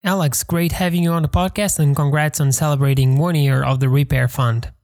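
A man hosting a podcast, reading scripted narration in an even, read-aloud delivery. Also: fairly high pitch, fairly quick. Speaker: podcast host.

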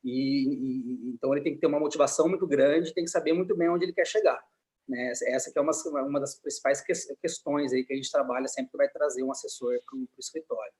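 A man's voice: mid-range voice, fast talker, darkish tone. A man with a Brazilian accent explaining things casually on a video call, hesitating and repeating words as he looks for his phrasing. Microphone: video call microphone.

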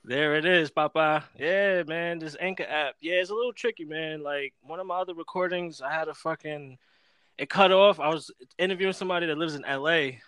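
A man's voice: fairly high pitch, bright, forceful tone, clean tone, no echo. A young man from Florida hosting a casual podcast, profane and laid-back, laughing often. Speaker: podcast host.

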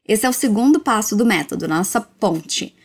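A woman teaching English in a language lesson, modelling phrases slowly and drawing them out for learners to repeat. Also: mid-range voice, expressive, husky. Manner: slow, drawn-out model phrases for repetition.

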